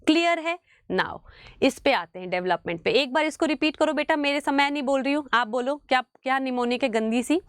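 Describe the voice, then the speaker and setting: A woman teaching biology in an online exam-prep lecture, mixing English terms into her talk, calling students "beta" and drilling key words slowly. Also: high-pitched, clean tone, no echo, clean studio sound. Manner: animated, mixes English into Hindi, calls students "beta".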